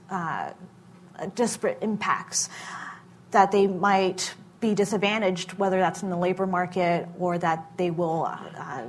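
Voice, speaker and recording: A woman researcher answering questions at a hearing, speaking in a measured way with frequent filler pauses. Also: medium pitch, slight background noise. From Massachusetts. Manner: measured, many filler uhs. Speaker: researcher giving testimony. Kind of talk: formal testimony answering questions.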